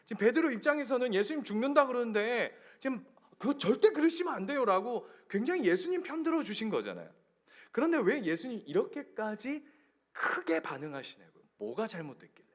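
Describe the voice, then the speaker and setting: A male pastor preaching an animated sermon who keeps putting questions to the congregation. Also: high-pitched, a little fast.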